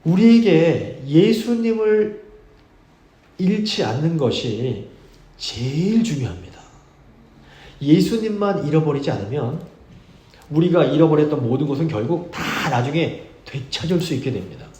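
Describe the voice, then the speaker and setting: A male pastor giving a sermon, earnest and measured, reading scripture slowly for emphasis. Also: fairly high pitch, big pitch swings, mellow, echoey room. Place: church sanctuary.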